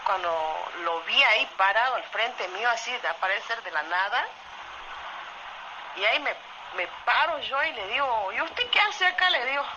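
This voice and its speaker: A woman with an Argentine accent from Salta, telling a true story in a voice message in a lively way, often asking "¿viste?". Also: on the high side, moderate pace. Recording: muffled voice message with loud noise.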